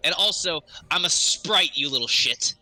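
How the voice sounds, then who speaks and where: A man's voice: on the high side, expressive, moderate pace, loud music behind the voice, close to an everyday voice, poor audio. A man voicing a tiny, foul-mouthed male pixie sprite with an annoying little voice, insistent and snappish, in a tabletop game. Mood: indignant. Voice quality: small, annoying voice. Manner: insistent, snappish, easily sidetracked.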